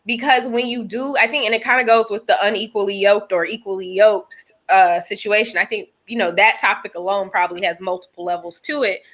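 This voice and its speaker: Bright-voiced woman in her thirties. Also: mid-range voice, fairly even intonation, a little fast. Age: 30s. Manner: thoughtful, talks through examples. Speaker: podcast co-host. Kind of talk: casual chat.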